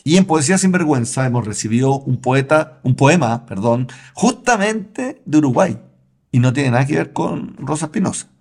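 A man's voice: medium pitch, expressive, moderate pace, a little mellow. A man co-hosting a podcast, introducing segments in an easygoing, appreciative way. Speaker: co-host.

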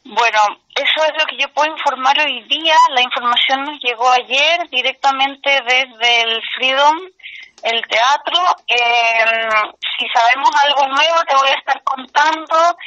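Brief: woman guest, emphatic and earnest, high bright voice, heard down a dull line. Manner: earnest, emphatic, repeats phrases for stress. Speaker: guest, actress and playwright. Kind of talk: radio interview.

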